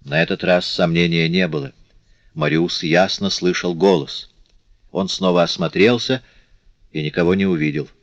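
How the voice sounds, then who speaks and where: A man narrating a classic novel as an audiobook in a measured, even storytelling manner, in a dry, slightly dull recording. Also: sits low, gravelly, no room sound.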